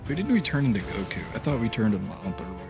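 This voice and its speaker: A young man with a lowish voice chats while he plays a game on stream, swearing freely and rambling in excited bursts. Music plays clearly behind him. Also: racing. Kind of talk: casual gaming chat.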